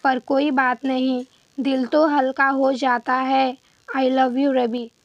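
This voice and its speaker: A woman reading as a heartbroken young pregnant wife pouring out her pain in a storybook letter. The voice is high and slow, with little rise and fall. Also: flat delivery, no echo, dull audio. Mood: sorrowful. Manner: sorrowful, confiding.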